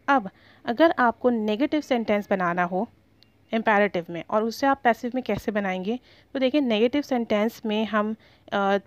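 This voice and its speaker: A woman teaching English grammar, spelling out example sentences slowly and deliberately. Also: medium pitch, no echo. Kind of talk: slow grammar lesson.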